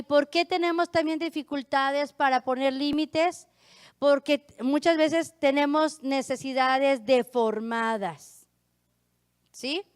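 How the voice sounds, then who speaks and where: A woman pastor with a northern Mexican accent preaching a sermon, hoarse and pushing her voice out, often asking her congregation "right?". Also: high voice, no room sound, clean studio sound. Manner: raises her voice to be heard, frequent rhetorical "¿verdad?".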